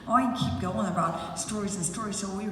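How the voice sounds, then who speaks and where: A woman speaking at an outdoor campaign rally who tells rambling personal stories and works up to loud, rousing calls. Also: medium pitch, fast talker. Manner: rambling storyteller who grows loud and rousing, leads chants. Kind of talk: personal anecdotes in a political rally speech. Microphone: public address system picked up from a distance. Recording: echoey, distant rally sound with crowd noise.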